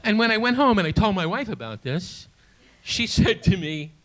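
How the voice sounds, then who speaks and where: An older man in his late sixties doing stand-up on a small theater stage, his voice pitched a touch high and swinging widely as he tells his jokes. He stammers through restarts with a self-deprecating edge, and the audience laughs behind him. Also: big pitch swings, bright, forceful tone. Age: 60s. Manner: halting, self-deprecating delivery with many restarts. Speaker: stand-up comedian. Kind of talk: stand-up comedy set.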